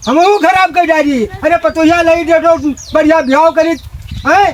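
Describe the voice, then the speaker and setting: A man's voice: very high-pitched, fairly even intonation, normal speed, slight background noise. A man with an Awadhi accent playing an imploring, lamenting village father who repeats his pleas in a comedy skit. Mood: pleading, despairing. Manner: imploring, repetitive.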